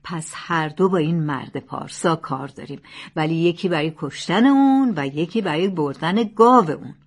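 A woman's voice: sits low, expressive, slightly rough, pitched below the performer's own voice, full character voice. A hostile male demon from a storybook fable, stubborn and threatening, as a woman reads him. He insists on his own plan and answers with threats. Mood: scheming.

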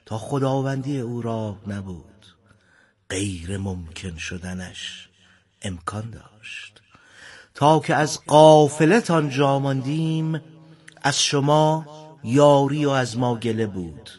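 A man's voice: mid-range voice, expressive, a little mellow. Man reciting verse and introducing a sermon. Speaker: program host. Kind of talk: poetry recitation and program introduction.

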